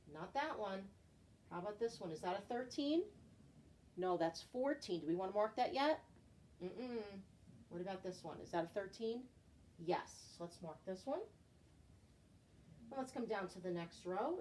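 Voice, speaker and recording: Mellow woman teaching little kids like a show host. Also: medium pitch. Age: middle-aged. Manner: simple guiding questions to young children, repeating key words. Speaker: teacher of young children. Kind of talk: children's counting lesson, like a kids show host. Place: living room at home. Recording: clear background room noise, home recording.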